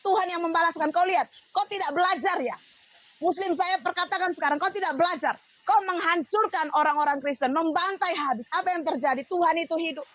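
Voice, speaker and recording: A woman's voice: extremely high pitch, a little fast, pushed and bright. A woman pastor preaching on a livestream, confrontational and firing off rhetorical questions.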